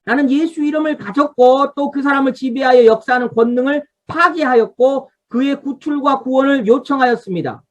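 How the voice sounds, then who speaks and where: A woman's voice: high-pitched, a little fast, few pauses, lo-fi sound. A woman pastor leading an online revival Bible study over a video call. She teaches from a study guide, tells listeners what to underline, and asks the congregation to respond.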